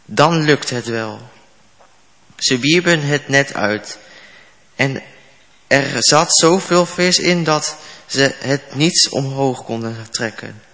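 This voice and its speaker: A man reads a Bible passage aloud, slow and measured, with a few slips. His voice has a bright, clear tone at a middle pitch. A long reverb rings after his words, as in a large hall. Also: lively intonation. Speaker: scripture reader. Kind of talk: Bible reading.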